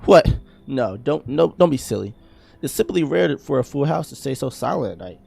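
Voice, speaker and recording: A man's voice: mid-range voice, animated, moderate pace, gravelly, a little mellow, breathy edge, heavily acted. Man doing a creepily polite wandering surgeon.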